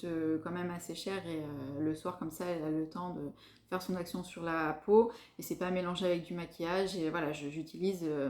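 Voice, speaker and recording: A woman's voice: on the low side, dark tone. A woman chatting casually through a beauty product review, full of hesitations and enthusiasm. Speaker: beauty vlogger. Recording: echoey room.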